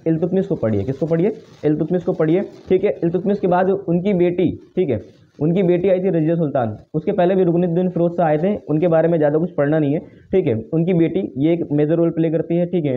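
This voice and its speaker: A man teaching an exam-prep lesson in a casual spoken way, tagging nearly every phrase with "theek hai" and answering his own questions. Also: on the high side. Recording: dull lo-fi recording.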